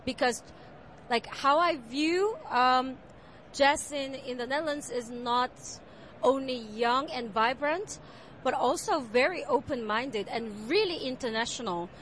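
A woman musician with a Korean accent, answering interview questions about her music, soft-spoken with many fillers. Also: sits high, measured pace, slight background noise. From South Korea. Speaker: jazz pianist and composer. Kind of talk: interview at a jazz fair.

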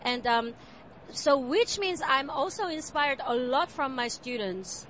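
A woman musician with a Korean accent, answering interview questions about her music, soft-spoken with many fillers. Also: high voice, animated, measured pace, a little hiss or hum. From South Korea. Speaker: jazz pianist and composer. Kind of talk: interview at a jazz fair.

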